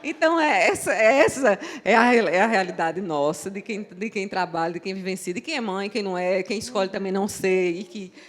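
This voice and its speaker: A woman on a panel telling a workplace story with animated energy and frequent repetitions. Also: medium pitch, fairly quick, hardly any pauses. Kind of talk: anecdotal storytelling in a panel talk.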